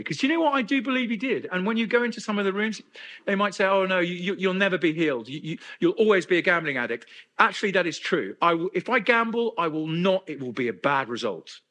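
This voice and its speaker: Candid, bright-voiced middle-aged man. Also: fairly high pitch. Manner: candid, conversational, self-deprecating humor. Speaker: conference speaker. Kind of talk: personal testimony talk.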